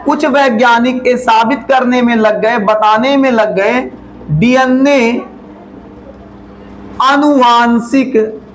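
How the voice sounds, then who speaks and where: A man's voice: extremely high pitch, a little hiss or hum, low-quality recording. A male biology teacher, lecturing a class and answering his own questions with folksy asides. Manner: asks and answers his own questions, drawls key words slowly.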